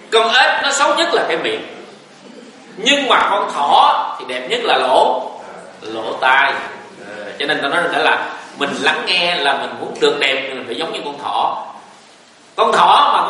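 A man's voice: a little high, sharp tone. A man, giving a joking, folksy Buddhist dharma talk. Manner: folksy, joking, rising and falling emphasis. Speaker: Buddhist teacher. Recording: echoey room, voice from a distance, faint hiss.

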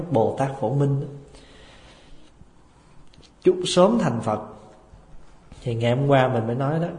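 A man's voice: mid-range voice, mellow. A male Buddhist monk giving a dharma talk. He tells humorous anecdotes and keeps asking rhetorical questions. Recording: echoey hall with long reverb.

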